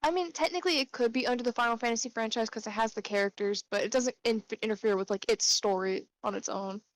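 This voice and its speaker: A woman's voice: a little high, fast talker, rough recording. A young woman co-hosting a casual gaming chat, laid-back and chatty, often saying like. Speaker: co-host.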